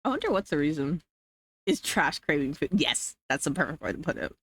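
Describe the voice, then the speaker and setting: A streamer talks loosely into a close desk mic, piling up "like"s and restarts while reading chat aloud between bites. The sound is dry and close with no room around it, and the pitch sits in a middling register. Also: big pitch swings, fairly quick, fairly bright tone, dry recording. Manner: rambling, hedging with many "like"s, reading chat aloud. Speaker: livestreamer.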